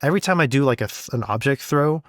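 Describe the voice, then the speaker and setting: This medium-pitched male voice is expressive and quick, captured in a clean studio with no room sound. The speaker co-hosts a podcast as an audio drama sound designer, breaking ideas down step by step in casual conversation.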